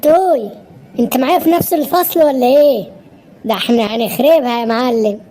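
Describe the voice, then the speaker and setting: A woman voicing a cheerful, excitable schoolboy classmate in a cartoon, chummy in an Egyptian Arabic accent. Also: high voice, brisk. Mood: excited. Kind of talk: cartoon voice acting.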